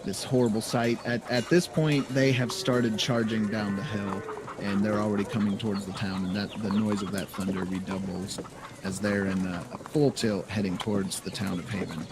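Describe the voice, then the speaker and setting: Low-voiced man running a tabletop game. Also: level tone, normal speed. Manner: loose, explaining rules as he goes. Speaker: dungeon master. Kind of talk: improvised tabletop game narration. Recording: noisy home podcast recording.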